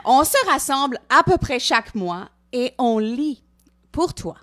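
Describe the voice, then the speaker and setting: Emphatic Quebec woman, fairly high voice. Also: animated, unhurried, a bit bright. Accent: Quebec French. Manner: mock-salesy, emphatic, mixing English words into French. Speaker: co-host of a live book podcast. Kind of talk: playful live comedy banter.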